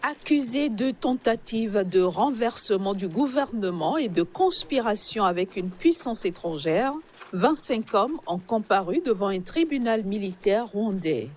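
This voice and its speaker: A woman reading a news report with a measured, formal delivery. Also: mid-range voice, expressive, darkish tone, a little hiss or hum. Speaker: news reader.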